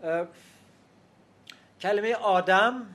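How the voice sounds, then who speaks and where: Measured male lecturer, fairly high voice. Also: fairly bright tone. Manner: measured, explanatory, with frequent hesitations. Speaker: lecturer on language history. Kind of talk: academic lecture.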